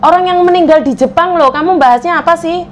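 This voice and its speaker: A woman's voice: very high voice, quick pace, slight background noise. A woman hosting a live stream, talking to viewers and pressing commenters with repeated demands. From Indonesia. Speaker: livestream host.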